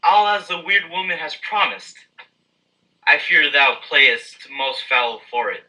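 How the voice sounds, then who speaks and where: A man's voice: on the high side, lively intonation, slow, bright, forceful tone, distant mic, heavily acted, low-quality recording. A man playing Banquo, Macbeth's suspicious comrade, in an amateur comic stage Shakespeare.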